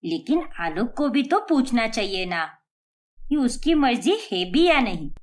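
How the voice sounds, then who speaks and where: A woman's voice: fairly high pitch, sing-song, measured pace. A woman voicing a polite, thoughtful middle-aged mother in a cartoon story.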